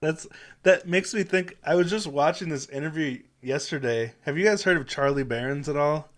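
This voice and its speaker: A man from Wisconsin co-hosting a podcast, retelling a story in a relaxed way with chuckles. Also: a little high, moderate pace. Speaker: podcast co-host. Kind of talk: casual chat.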